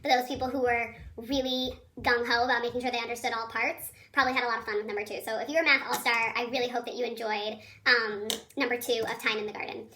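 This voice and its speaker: A woman teacher speaks in a very high, squeaky chipmunk voice, as if on helium. The tone is bright and sharp. She guides a children's video lesson in a chatty, encouraging, informal way. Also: fairly even intonation, quick pace, few pauses. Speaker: elementary school teacher.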